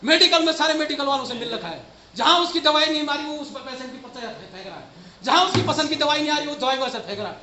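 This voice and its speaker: A man's voice: very high-pitched, animated, fast, a crowd in the background. Agitated man complaining in an echoey hall. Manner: agitated and emotional, rising to shouts. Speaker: parent making a complaint at a public meeting. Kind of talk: public complaint. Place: meeting hall. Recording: echoey hall with faint noise.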